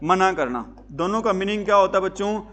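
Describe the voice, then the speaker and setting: High-voiced man teaching a class. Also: fairly quick, a bit bright. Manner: asks questions and answers them himself, repeats key words. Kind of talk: classroom lecture.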